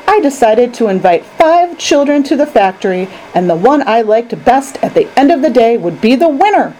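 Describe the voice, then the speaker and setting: A woman voicing an eccentric, excitable male candy maker from a storybook, emphatic and commanding. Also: fairly high pitch, moderate pace, slight background noise, pitched above the performer's own voice, rough recording. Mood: earnest, confiding.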